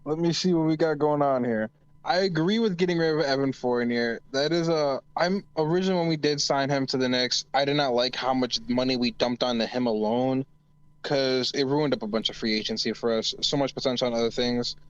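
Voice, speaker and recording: A man's voice: medium pitch, fairly quick, smooth, no echo, dull audio. A man co-hosting a casual sports discussion, giving his opinions conversationally. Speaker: podcast co-host.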